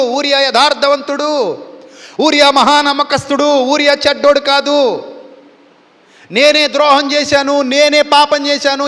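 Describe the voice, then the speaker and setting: A remorseful king cries out his sins in high, loud, pleading bursts, as a preacher puts him on. His voice rings with a long hall reverb. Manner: pleading, repeating short cries. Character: remorseful king weeping in confession, man.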